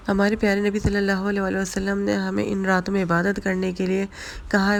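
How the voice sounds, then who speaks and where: In a casual religious advice vlog, a woman chats to her viewers with a voice roughened by flu and a sore throat, gravelly and fairly level in pitch. She talks loosely, returning to repeated fillers and mixing in English words.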